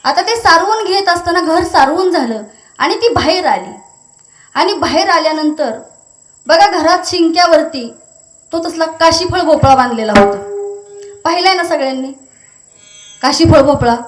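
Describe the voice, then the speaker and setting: A woman preacher giving a devotional kirtan sermon, telling a lively story and breaking into chanted verses. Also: very high voice, roomy sound.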